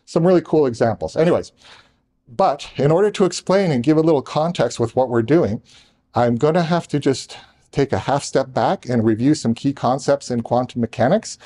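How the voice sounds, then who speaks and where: Male presenter, mid-pitched and mellow, live tech talk in a conference room, hurried with repeated restarts, jokes with the room. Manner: rushed, talking fast with restarts; jokey asides to the room. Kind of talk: technical presentation to a live audience.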